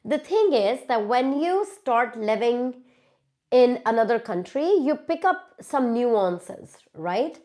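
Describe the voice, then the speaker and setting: An Indian woman with a stuffy cold hosts a live Q&A on YouTube from her phone, chatting casually and reading out viewer comments to answer them. Her voice is on the high side and a little mellow, with a sing-song lilt and a slow pace.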